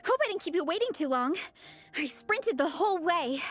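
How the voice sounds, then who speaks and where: A woman's voice: very high-pitched, lively intonation, normal speed, soft background music. A woman voicing an eager young woman who leads a fan club, earnest and enthusiastic. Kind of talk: game dialogue.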